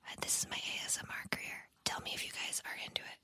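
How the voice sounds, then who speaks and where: A woman trying out a soft whisper voice as whispered role-play. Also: fast. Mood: playful. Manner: breathy, hushed. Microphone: podcast microphone.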